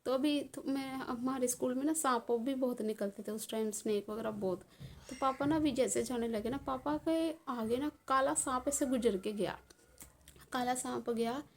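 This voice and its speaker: Young woman vlogger, slightly high voice, rambling casual storyteller with lots of fillers. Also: normal speed, a little hiss or hum. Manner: rambling with many fillers and restarts.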